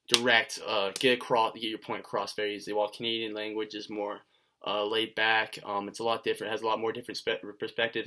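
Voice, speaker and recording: Young man, student presenter, casual, halting, many ums, bright tone, flat delivery. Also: fairly low pitch. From Washington state, US. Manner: halting, many fillers and restarts; casual, conversational. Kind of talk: unscripted class video presentation.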